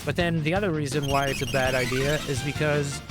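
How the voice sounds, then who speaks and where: A man with a mid-range, steady voice offers casual, rambling commentary explaining things as he plays a video game. He talks a little fast, and game music plays behind him.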